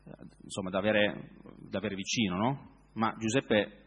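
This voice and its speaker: A man preaching a sermon in a reflective way, often pausing to search for words. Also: fairly low pitch, steady tone, husky, big-room sound, muffled recording.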